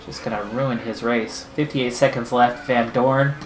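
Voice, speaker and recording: A man's voice: mid-range voice, steady tone, a little slow. A man with an ordinary mid-range voice talks through his racing management game, fretting and pleading over lap times. The recording has a roomy echo and a faint hiss. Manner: anxious, pleading running commentary. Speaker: gaming channel host. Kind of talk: let's-play commentary.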